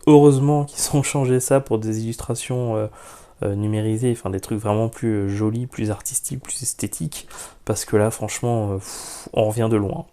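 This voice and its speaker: Host: man, mellow voice, chatty unboxing vlog, hesitant and opinionated. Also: fairly low pitch, fairly even intonation, moderate pace. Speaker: YouTube model-kit reviewer.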